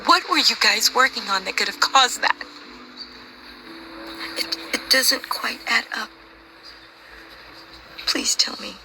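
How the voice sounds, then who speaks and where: A woman playing a grieving, hurt and suspicious young daughter in a video game, breathy and creaky, with a raw, probing delivery. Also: a little high, slow, pauses often, music in the background, poor audio. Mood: distraught. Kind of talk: video game dramatic acting.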